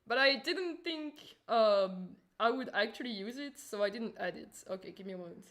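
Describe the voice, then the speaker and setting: A woman's voice: on the high side, animated, normal speed, a bit bright. Casual woman streamer with a Turkish accent. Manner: informal, chatty, addressing viewers. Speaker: streamer, animator. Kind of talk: casual livestream chat and explanation.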